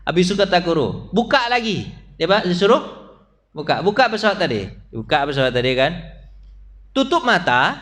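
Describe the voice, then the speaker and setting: A man preaching a dawn study sermon in a mosque, often putting questions to the congregation and calling them "Pak." He has an Indonesian accent with Malay-style turns of phrase. He acts out little sounds and short quoted voices. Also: moderate pace. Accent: Indonesian with Malay-style colloquialisms. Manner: lively, swings between loud high peaks and low quiet asides. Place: mosque hall.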